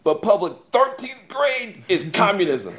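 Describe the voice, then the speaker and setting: Playful, animated male moderator. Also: high voice, unhurried, a crowd in the background. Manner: playful, pressing. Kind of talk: panel discussion.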